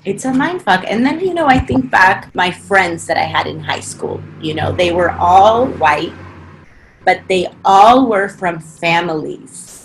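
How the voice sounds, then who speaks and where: The rough recording, with a bit of hiss or hum, captures an Argentine woman guesting on a podcast in a casual interview chat. She has a lowish voice and a slight Argentine Spanish accent, speaking quickly and animatedly while voicing her own past thoughts as quotes.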